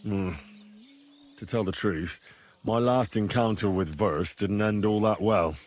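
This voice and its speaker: A man's voice: on the low side, unhurried, a little mellow. An actor playing a plain-spoken young man in a video game, dry and worn thin by the company he keeps. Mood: exasperated. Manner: dry, exasperated, down-to-earth. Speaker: game protagonist. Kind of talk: video game cutscene acting.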